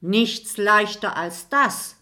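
A woman's voice: medium pitch, expressive, very slow, bright, forceful tone, full character voice. A woman voicing a moody, theatrical female castle ghost in an audiobook. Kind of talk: audiobook character voice.

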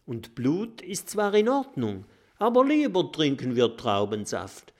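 A man's voice: fairly high pitch, wildly swooping pitch, unhurried, voice pushed up, heavily acted. A man voicing a small, cheerful vampire boy in a children's audiobook, talking eagerly.

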